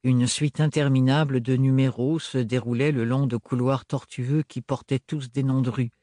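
In scripted audiobook narration, a man with a mid-range voice reads a novel aloud in a measured, expressive storytelling style. The studio-quality recording has no room sound.

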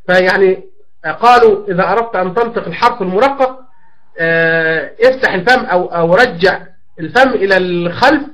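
A man teaching a tajweed lesson, patiently explaining pronunciation and slowly drawing out example words. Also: high-pitched, a bit bright, low-quality recording. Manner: slow, drawn-out demonstration of letters and words; patient explaining with frequent pauses and fillers. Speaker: Quran recitation teacher.

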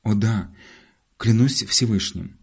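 A man's voice: lowish voice, slow pace, vocal fry, husky, heavily acted. A man voicing an exuberant, blunt young male entertainer in an audiobook. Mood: boastful. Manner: loud, excitable, blunt.

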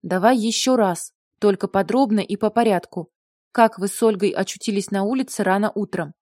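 A brusque, sardonic young woman fires off curt questions in a commanding tone, as a woman reader plays her. Her voice is warm and mellow, set in a dry, close-miked booth with nothing behind. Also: medium pitch, fairly quick, dry recording, natural voice. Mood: stern. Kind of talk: audiobook character voice.

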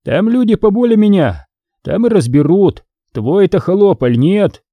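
A man's voice: high-pitched, big pitch swings, normal speed, warm tone, no echo, pitched above the performer's own voice, exaggerated voice. A man voicing a blunt, stubborn guard sergeant in an old tale. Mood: evasive. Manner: blunt, evasive then indignant. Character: stubborn male guard sergeant, prince's servant.

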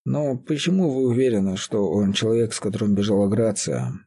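A man voicing an earnest, steady estate steward who pleads in a raised voice. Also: on the low side, a little fast, breathy edge. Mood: alarmed. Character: steady middle-aged male estate steward, shocked and earnest.

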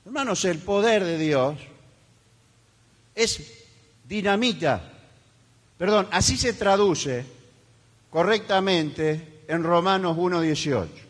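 Fiery high-voiced preacher, hall echo. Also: male voice, animated, takes it slowly, pauses often, breathy edge. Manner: fiery, emphatic preaching with mocking quoted voices. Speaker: pastor. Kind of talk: sermon. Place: church hall. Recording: reverberant church hall.

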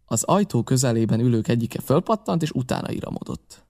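A man narrating an adventure novel as an audiobook reader in a steady, even way. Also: medium pitch, vocal fry. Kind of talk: scripted narration.

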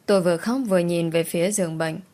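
A woman narrates a first-person audiobook story in a mournful, emotional voice. Her pitch sits on the lower side for a woman, and she carries the grief through every sentence. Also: fairly even intonation, fast, mellow.

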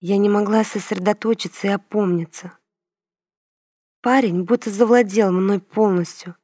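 A woman reads a first-person story aloud in an expressive, emotional way. Her voice sits at a middling pitch. The recording is close and dry, with no echo. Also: normal speed. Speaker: narrator. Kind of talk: first-person audiobook narration.

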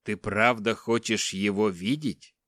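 A man voicing a cold, slow-spoken captor. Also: steady tone, fairly bright tone, dry recording, studio quality. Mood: menacing calm. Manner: slow, measured, low-voiced. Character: calm menacing male captor in a monk's cassock.

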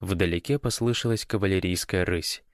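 A man with a low voice reads an audiobook in an even storytelling manner. The recording is dry and close, with no room around it. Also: moderate pace, dry recording. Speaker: narrator. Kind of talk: audiobook narration.

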